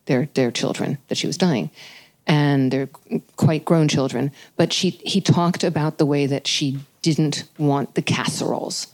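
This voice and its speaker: Low-voiced, thoughtful woman host onstage. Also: darkish tone. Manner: thoughtful, searching, with halting restarts. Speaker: podcast host. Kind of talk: live onstage conversation. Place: live taping in a bookstore.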